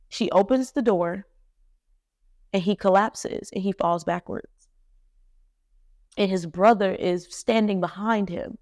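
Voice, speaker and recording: Young woman, podcast host, mid-range voice, dry close sound; halting emotional personal storytelling. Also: medium pitch, darkish tone, dry recording. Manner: halting, emotional retelling with many fillers.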